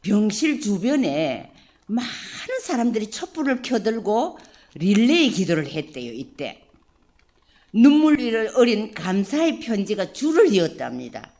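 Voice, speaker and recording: A woman speaks slowly in a mellow, dark-toned voice. She is a religious sister giving a lecture, talking in an easy conversational way and putting questions to her listeners. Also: medium pitch. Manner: slow prayerful opening, then lively conversational teaching with questions to listeners. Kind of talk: prayer then spoken lecture.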